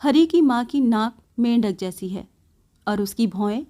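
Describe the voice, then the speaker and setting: A woman reading a literary story aloud in the first person, in a slow, soft narrating manner. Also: fairly high pitch, animated.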